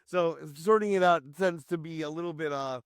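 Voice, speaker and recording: A man's voice: a little high, normal speed, smooth, no echo, clean studio sound. A man hosting a casual online interview, rambling and restarting his sentences. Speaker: community host.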